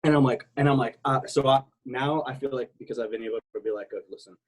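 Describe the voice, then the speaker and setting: A man's voice: medium pitch, quick pace, rough recording. A man from South Texas talking casually as a podcast guest, candid and rambling, swearing freely. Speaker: guest, military veteran.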